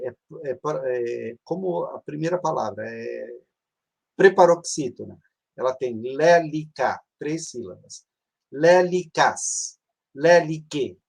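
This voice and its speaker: A man's voice: fairly high pitch, vocal fry. A man, a reverend teaching an online class, who explains patiently and drills word endings aloud. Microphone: video call.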